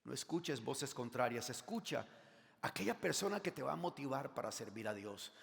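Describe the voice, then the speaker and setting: A man's voice: medium pitch, sing-song, normal speed, vocal fry. A man preaching a passionate sermon as a pastor, repeating his lines and acting out whiny prayers. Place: church sanctuary. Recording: long church hall reverb.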